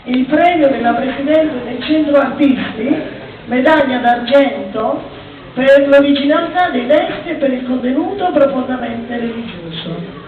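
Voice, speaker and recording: High-voiced woman reading formally in echoey hall. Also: lively intonation, measured pace. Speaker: award presenter. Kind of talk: formal reading of an award citation. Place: reverberant hall with audience. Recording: echoey, muffled, distant, crowd noise.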